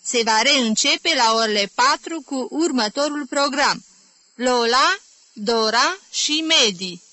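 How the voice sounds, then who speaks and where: A woman's voice: sits high, animated, pushed and bright, no echo, pitched above the performer's own voice. A woman reading an audiobook, voicing a playful young man who teases on the phone and mimics a radio announcer. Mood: mock announcer. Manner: teasing, mock announcer tone.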